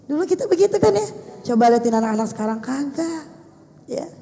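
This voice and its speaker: An older woman giving an animated religious talk to a gathering of mothers, speaking to them directly. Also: high voice, fairly quick, gravelly. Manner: animated, addressing the mothers directly, acting out how to speak to children. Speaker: religious teacher. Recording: echoey hall sound.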